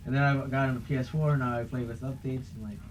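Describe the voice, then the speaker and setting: A man's voice: mid-range voice, steady tone, fast talker. A young man hosting a podcast, chatting casually in a rambling, profane way. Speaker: podcast host. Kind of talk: casual chat. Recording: muffled with faint hiss.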